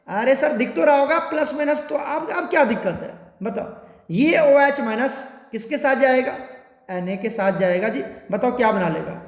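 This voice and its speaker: A male chemistry teacher giving a classroom lecture, repeatedly quizzing his students and drawing out key words. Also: extremely high pitch. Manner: questioning students constantly, repetitive, drawn-out spelling. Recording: echoey room with long reverb.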